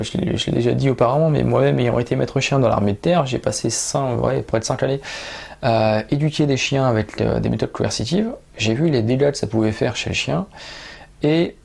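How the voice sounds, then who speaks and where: Gravelly-voiced man reviewing a book. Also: mid-range voice, a little mellow. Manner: hesitant, many "euh" fillers. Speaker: dog trainer reviewing a book. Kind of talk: casual spoken book review.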